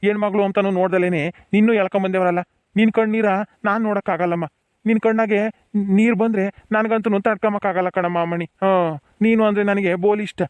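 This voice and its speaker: A man playing a fast-talking old village grandfather. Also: high-pitched, fairly even intonation, smooth, no echo, lightly acted. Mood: consoling. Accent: rural Tumakuru Kannada. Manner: soothing, pleading, repeats hush phrases. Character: elderly village headman grandfather, proud but tender. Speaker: jailed grandfather. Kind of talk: village family drama acting.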